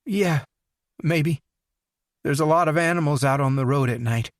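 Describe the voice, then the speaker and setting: Voicing a nervous, evasive accountant who's been caught out, a man performs in a lightly acted style, pitching his voice above his natural one so it sits on the high side. He speaks at a moderate pace, recorded with clean studio sound and no room sound.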